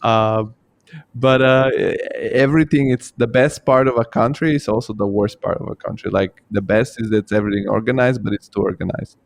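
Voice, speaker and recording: Born in Bulgaria and raised in Italy, with Bulgarian or Italian as his first language, a male podcast host conducts a casual interview marked by hesitation, fillers, and restarts. He sounds low-ish and steady, speaking briskly with vocal fry.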